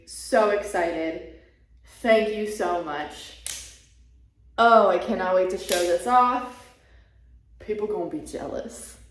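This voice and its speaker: A woman hosting a casual unboxing vlog, gushing and excitable, recorded in a bare, half-furnished room with heavy echo. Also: mid-range voice, far from the mic. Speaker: channel host.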